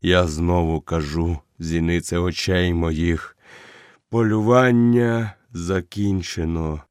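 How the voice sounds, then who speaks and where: A man voicing an old, dying male wolf who leads the pack, speaking low and weakly, short of breath, with a tender manner. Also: steady tone, slow, a little mellow, clean tone, no room sound, studio quality. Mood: weary, tender. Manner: low, weak, breathless murmur.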